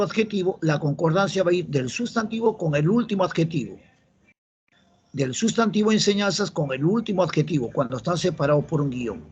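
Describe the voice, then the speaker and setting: A man's voice: a little high, lo-fi sound. A man with a Peruvian Spanish accent teaching a grammar lesson for an entrance exam, repeating the rules and quizzing his students. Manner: explains patiently, repeats key rules, asks the class questions.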